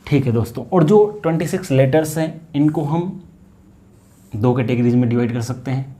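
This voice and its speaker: A man's voice: medium pitch, moderate pace, warm tone. A man with an Indian accent teaching English grammar in a lesson, asking questions and answering them himself and repeating key words. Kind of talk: classroom-style grammar lesson.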